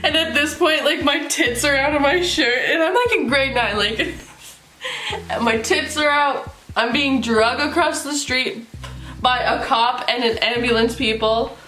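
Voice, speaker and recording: Giggly young woman doing a storytime vlog, kinda high voice, echoey room w faint music. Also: measured pace. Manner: giggly, laughs through the story, heavy use of "like"; acts out other people's lines in animated voices. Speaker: vlogger telling a story. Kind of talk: casual storytime while getting ready.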